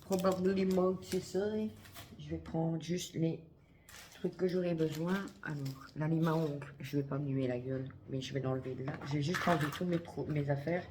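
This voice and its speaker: Low-voiced chatty woman. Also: fairly even intonation, moderate pace, a little mellow, a little hiss or hum. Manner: chatty, swears freely, talks aside to someone off camera. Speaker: vlogger. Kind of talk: casual chat to camera. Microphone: headset.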